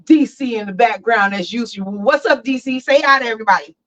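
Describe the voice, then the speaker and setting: A woman's voice: fairly high pitch, a little fast, a bit bright, slight background noise. A woman hosting a casual podcast, talking into her phone, chatty and hyped. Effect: talking into a phone, heard through its mic. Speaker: podcast host. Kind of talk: casual chat. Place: barber chair. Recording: lo-fi phone-mic sound.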